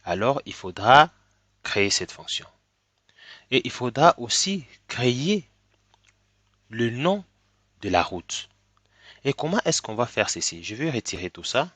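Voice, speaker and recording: Very animated despite a cold, this programming tutor has a mid-range, husky, slightly bright voice, captured in a dry recording. His screen-recorded coding tutorial proceeds slowly, step by step, with regular "ok?" check-ins.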